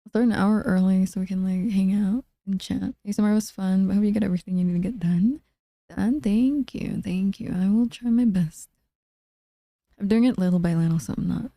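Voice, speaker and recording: A woman streamer chatting casually with her live chat in a soft, low-key way. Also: brisk, no echo.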